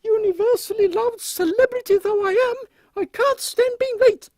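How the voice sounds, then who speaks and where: A man's voice: extremely high pitch, normal speed, darkish tone, dry recording, clean studio sound, voice pushed up. A man voicing an imperious elderly English queen in an audio comedy, pompous, commanding and given to exclamations. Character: imperious elderly Queen Victoria, haughty, thrill-seeking royal lady.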